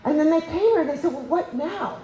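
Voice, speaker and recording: A woman's voice: sits high, lively intonation, a little fast, mellow, slight background noise. A woman hosting a conference, giving an enthusiastic, chatty welcome speech with frequent laughs. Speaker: conference host. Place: large conference room. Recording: echoey event room, faint ambience.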